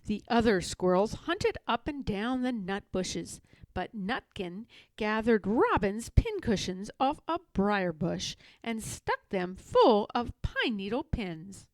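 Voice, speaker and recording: Slow, very animated woman storyteller. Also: mid-range voice, dry recording. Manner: expressive storytelling. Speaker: storybook reader. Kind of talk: scripted children's story narration.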